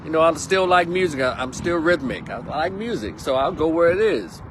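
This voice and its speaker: A man's voice: fairly high pitch, expressive, a little fast, noisy background. A man, chatting casually as a vlog host, rambling and laid-back with plenty of slang. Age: 50s. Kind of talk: casual monologue. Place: outdoors on a windy day.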